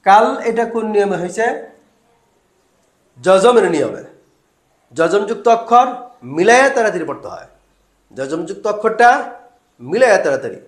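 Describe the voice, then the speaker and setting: A man's voice: sits high, animated, normal speed, pauses often, reverberant. A man teaching Quran reading step by step, asking questions, answering them himself and drawing out syllables. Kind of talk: step-by-step lesson.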